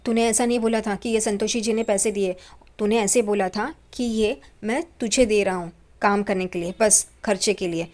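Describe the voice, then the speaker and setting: A woman voicing a defensive, sharp-tongued mother who snaps at and dismisses her family while retelling a family drama. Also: mid-range voice, steady tone, moderate pace, lightly acted. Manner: snapping, dismissive.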